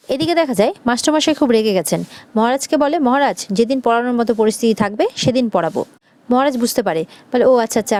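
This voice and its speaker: A woman's voice: a little high, darkish tone. A woman retelling a television serial episode, narrating the plot and lightly voicing the characters' quoted lines.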